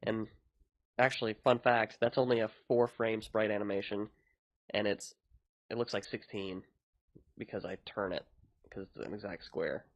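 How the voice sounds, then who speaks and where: A man's voice: fairly low pitch, steady tone, normal speed, pauses often, dry recording, lo-fi sound. A man hosting a podcast, talking in a casual, rambling way about his own work. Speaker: podcast host and indie game developer.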